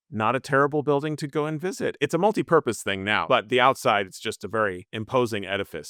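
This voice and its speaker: A male podcast co-host lays out his points in a measured, explanatory way. His voice sits in the middle of the usual male range. The sound is dry and close. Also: medium pitch, fairly bright tone, clear, resonant tone, dry recording. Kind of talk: podcast book-club discussion.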